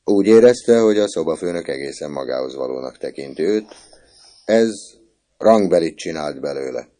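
A man with a very deep, dark voice narrates a novel as an audiobook. His delivery is measured and even, unhurried. The tone is mellow and low throughout. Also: no echo. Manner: measured storytelling.

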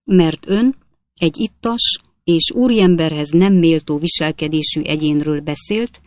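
A reader voicing a timid kindly gentleman. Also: mid-range voice, dry recording, lightly acted. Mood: nervous. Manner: nervous, then stiffly formal.

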